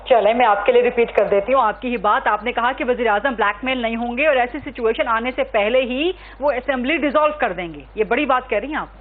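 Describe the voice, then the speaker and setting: A woman's voice: fairly high pitch, hardly any pauses, narrow, tinny audio. Pressing woman talk show host. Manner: pressing, interrupts with pointed questions. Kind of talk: political talk show interview.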